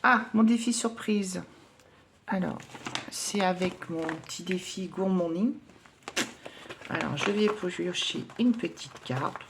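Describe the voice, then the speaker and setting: A woman's voice: on the low side, slow pace, pauses often, noisy background. Chatty woman budgeting at home. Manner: chatty, hesitant with many fillers, counting coins aloud. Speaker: budgeting vlogger. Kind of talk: casual chat while doing budget challenges.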